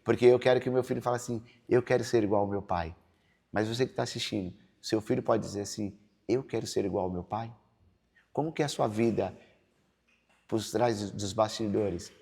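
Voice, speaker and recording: Gravelly Brazilian pastor giving testimony. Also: male voice, on the low side, normal speed, mellow. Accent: Brazilian Portuguese. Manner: earnest, preachy, acts out quoted dialogue. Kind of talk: personal testimony in a podcast interview.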